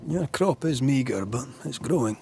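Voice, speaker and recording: A man acting a calm, businesslike ghost hunter in a video game, dry and formal, with a husky voice. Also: medium pitch, moderate pace, a little hiss or hum. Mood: wry, investigative.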